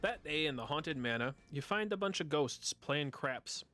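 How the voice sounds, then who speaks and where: Bright-voiced man wryly narrating a game. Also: a little high, expressive, normal speed, faint music behind. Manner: playful, wry narration. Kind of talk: reading game text aloud.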